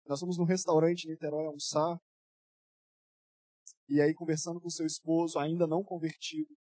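A male pastor preaching a fervent sermon, moving between loud exhortation and quiet storytelling, in a dry room. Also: on the high side, level tone, brisk, no room sound.

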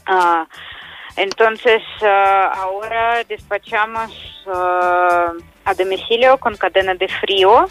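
A woman with a Russian accent explains conversationally in halting, non-native Spanish, often dropping small words. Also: mid-range voice, soft background music, rough recording. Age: adult mother. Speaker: health product entrepreneur, interview guest.

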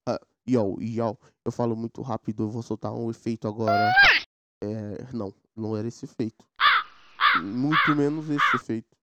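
Rambling from subject to subject in slang, a Brazilian man in his 20s from São Paulo runs a casual solo podcast. His medium-pitched voice swoops wildly while holding a normal pace, and the audio is very noisy. It's recorded via a sound card in a home setup with a mechanical keyboard.

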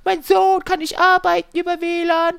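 A speaker putting on a high, indignant voice for an irate woman customer in a casual retelling. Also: flat delivery, moderate pace, vocal fry, fairly bright tone, dry recording, full character voice. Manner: shrill, indignant. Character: irate woman customer complaining about wifi.

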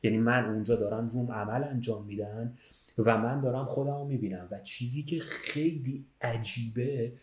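Here a man's mid-range, darkish voice stays fairly even as he relates a story on a podcast, conversational and often checking that the listener is following. A little hiss or hum sits under the roomy, echoing recording.

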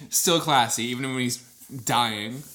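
A man's voice: mid-range voice, a little slow, pushed and bright. A man co-hosting a podcast in casual chat, rambling with fillers and laughing easily. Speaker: podcast co-host.

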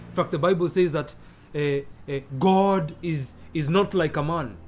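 Male pastor, slightly high voice; sermon delivery, scripture reading into emphatic preaching with hesitations. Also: a little mellow. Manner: reads scripture aloud, then preaches with rising emphatic bursts; frequent hesitations and repeated words.

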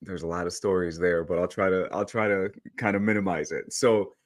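A man's voice: low-pitched, fairly quick. A man in his thirties, born in El Salvador, telling his story as a photographer guest in a casual interview. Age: 30s. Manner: chatty, storytelling, relaxed.

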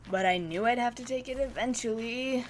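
A woman's voice: on the high side, a little fast, slight background noise, lightly acted. A woman playing a stressed, overworked young college student, speaking conversationally in an audio drama. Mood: stressed, weary. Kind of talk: naturalistic audio drama acting.

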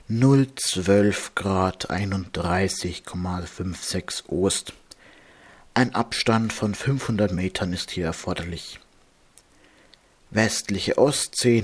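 A man reading a marine radio bulletin of nautical warnings as an announcer, in a formal, measured manner, carefully spelling things out. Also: fairly low pitch.

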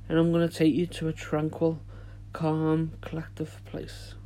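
A man speaks as a meditation guide, soft and hushed. His tone is mellow and relaxed, with very little rise and fall. He goes slowly and soothingly, leaving long gaps between phrases. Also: a little high. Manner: soothing, gentle, drawn-out delivery with long pauses. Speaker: podcast host and meditation guide.

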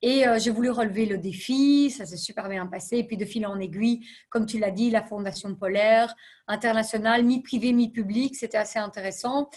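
A woman's voice: a little high, fairly quick, darkish tone. A woman in her thirties, a podcast guest, answering interview questions thoughtfully with frequent hesitations and English business terms. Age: 30s. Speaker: podcast guest, nonprofit CEO.

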